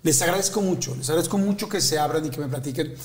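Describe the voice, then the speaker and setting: A man's voice: on the high side, quick pace, a little mellow. A man, hosting an interview and speaking earnestly to his audience. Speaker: host. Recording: echoey room.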